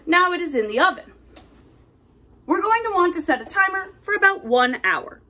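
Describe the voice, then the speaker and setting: Video game princess, very high-pitched, sugary sweet, bubbly, sing-song, exclaiming. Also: female voice, very animated, moderate pace, bright, forceful tone, heavily acted. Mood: chirpy instructing. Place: home kitchen, indoors. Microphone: camera a step or two away.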